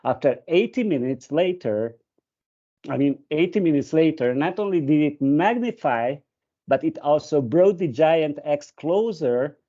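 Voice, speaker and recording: Over muffled video call audio, a man with a warm, slightly high voice presents a webinar in Hungarian and tells an anecdote. He is hesitant, with many fillers and restarts.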